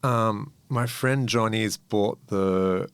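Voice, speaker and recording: A man co-hosting a podcast in casual chat, rambling and animated, swearing freely. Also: fairly low pitch, takes it slowly, creaky, smooth, no room sound. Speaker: podcast co-host.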